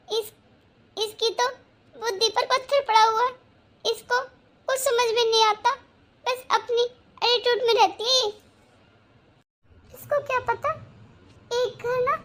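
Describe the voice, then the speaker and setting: A fretful, scolding older mother from a cartoon story. The voice sits very high and sounds bright and sharp. She lectures and worries in turn. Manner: scolding then fretting.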